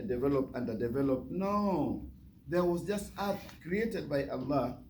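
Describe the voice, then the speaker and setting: A man's voice: a little high, dark tone. A man giving a religious lecture as an imam, teaching by repeating phrases and putting questions to his listeners. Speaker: imam, guest speaker. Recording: noticeable background noise.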